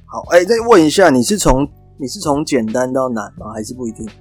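A man's voice: medium pitch, expressive, fast, slightly rough, faint music behind. A man with a Taiwanese Mandarin accent chatting casually as a podcast co-host during a guessing game. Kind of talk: casual chat while playing a guessing game.

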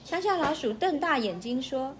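A woman's voice: high voice, lively intonation, moderate pace. A woman reading fables aloud to a young child in a sing-song, coaxing way, stopping to ask the child questions.

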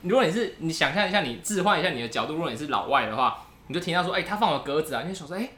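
A man's voice: fairly high pitch, expressive, racing, pushed and bright. A man with a Taiwanese Mandarin accent, co-hosting a casual podcast and playfully quizzing his partner with joke questions. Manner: playful storyteller posing joke quiz questions. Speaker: podcast co-host. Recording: roomy echo in a new recording spot.

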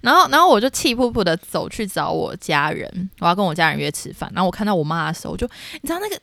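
A young woman tells a story on a casual podcast. Her pitch swoops up and down all the time, and she shouts out quoted lines. The sound is close and dry. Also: rapid-fire, gravelly, no room sound. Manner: animated, dramatic retelling with shouted quotes. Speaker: podcast co-host.

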